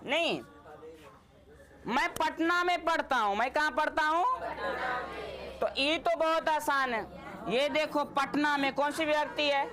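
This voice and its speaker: Woman, high bright voice, slow teasing classroom talk, students murmuring faintly. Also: crowd noise. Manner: chatty, teasing, quizzes students. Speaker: Sanskrit teacher. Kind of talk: classroom teaching.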